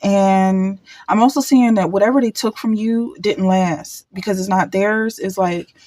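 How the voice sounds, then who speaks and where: A woman's voice: medium pitch, dark tone, no echo. Lady doing a chill tarot reading, kinda stop-start, restarts her words a lot. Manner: thinks aloud, halting, repeats and restarts words. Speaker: tarot card reader. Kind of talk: casual pick-a-card tarot reading.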